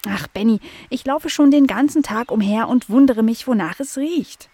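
A woman's voice: on the high side, normal speed, mellow, husky. Woman doing a curious young dog girl. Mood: eager.

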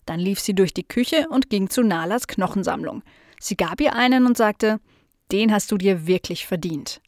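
Woman gently reading a children's story. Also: medium pitch, no echo, studio quality.

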